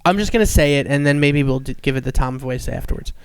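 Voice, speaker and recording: A man co-hosting a comedy podcast in upbeat, casual chat, often pausing with fillers. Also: medium pitch, clean tone, no echo. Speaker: podcast co-host.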